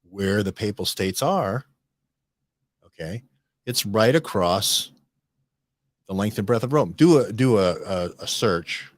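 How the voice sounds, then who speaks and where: A low-voiced man hosts a loose studio discussion, his pitch swinging widely as he rambles and checks in with his listeners. The sound is dry and close, with no room around it. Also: takes it slowly, long pauses, dry recording. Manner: rambling, animated, many restarts and "right?" checks. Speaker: host.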